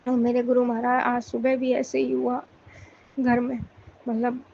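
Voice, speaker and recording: A woman speaks in a pleading, prayerful monologue, her voice a touch high but held in a narrow, flat-sounding range. Her tone is mellow and soft-edged. The recording is dull and lo-fi, with faint ambient noise underneath. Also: unhurried, vocal fry. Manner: pleading, emotional, prayerful repetition. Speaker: devotee sharing a personal prayer. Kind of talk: devotional monologue.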